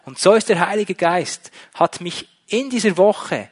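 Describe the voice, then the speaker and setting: A man preaches a sermon in a fairly high voice. He is emphatic and keeps asking his listeners rhetorical questions. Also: animated, unhurried, slightly rough.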